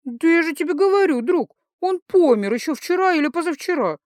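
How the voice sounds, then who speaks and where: A woman voicing a tipsy, bold young woman who teases loudly and slurs her words. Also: lively intonation, fairly quick, no room sound, studio quality. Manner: slurred, giggly, high-pitched chatter.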